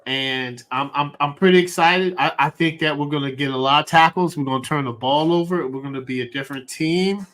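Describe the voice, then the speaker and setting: A man hosting a live sports fan show, talking eagerly with frequent restarts. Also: mid-range voice. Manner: excited, talks fast with many restarts.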